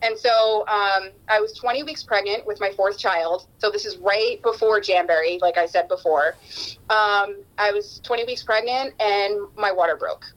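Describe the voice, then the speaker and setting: Woman in her 30s telling her own story, earnest, lots of ums, mid pitch. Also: moderate pace, poor audio. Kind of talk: personal storytelling talk.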